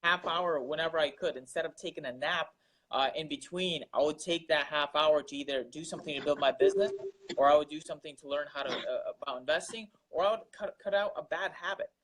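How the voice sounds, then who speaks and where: A young Russian man, a guest entrepreneur, speaks earnestly about his daily grind in a casual interview, repeating words and leaning on lots of fillers. His voice is a little high, a bit bright, and slightly fast, and the audio quality is poor.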